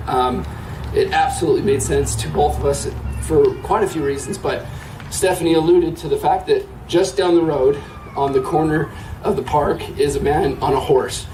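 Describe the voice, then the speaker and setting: A man with a hoarse, worn-out voice gives an informal speech to a gathering. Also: on the high side, far from the mic. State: hoarse, lost his voice. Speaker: donor speaker. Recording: echoey, noisy, picked up from afar.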